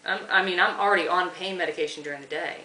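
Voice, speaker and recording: Woman, interviewee, halting and emotional, bright voice, recorded from afar in an echoey room with faint hiss. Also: lowish voice, distant mic. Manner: halting, emotional, quoting others. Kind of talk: recounting an experience in an interview.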